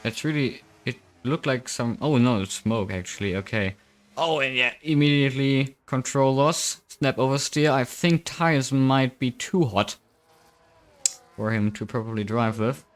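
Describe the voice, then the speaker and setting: A man's voice: medium pitch, a little slow. A young man commentating a sim racing qualifying session on a live stream, chatty and self-mocking, thinking aloud into a desk microphone.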